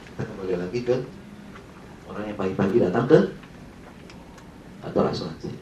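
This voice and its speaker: A man's voice: fairly low pitch, a little fast, a little mellow, a little hiss or hum. A man leading a sales training, telling a dramatic story and asking the audience questions, heard in a dull, roomy recording from a distant mic.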